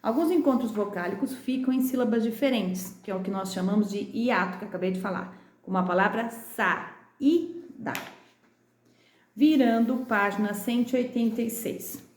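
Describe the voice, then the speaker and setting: A Brazilian primary school teacher with a São Paulo accent, patiently walking young pupils through a remote lesson and stretching out syllables. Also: female voice, fairly high pitch, fairly quick, hardly any pauses, darkish tone. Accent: Brazilian Portuguese, São Paulo state. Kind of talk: remote lesson walkthrough for children. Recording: roomy echo.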